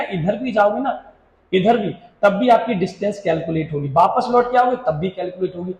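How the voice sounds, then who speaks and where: High-voiced male physics teacher, echoey room. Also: darkish tone. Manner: repeats definitions slowly, quizzes the class; mixes Hindi with English terms. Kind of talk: classroom lecture.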